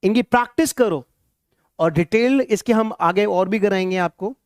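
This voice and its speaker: A man's voice: high-pitched, normal speed, no echo, studio quality. A man teaching spoken English online, encouraging his students and repeating points often. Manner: repetitive, encouraging teacher mixing Hindi and English.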